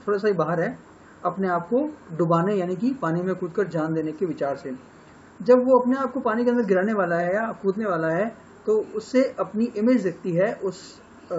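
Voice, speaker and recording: A high-voiced man with an Indian accent talks students through a novel's plot in a patient, explanatory lecture. He switches between Hindi and English and stops on fillers as he thinks. The sound is dull and lo-fi, with faint noise behind. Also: a little mellow. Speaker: English literature teacher.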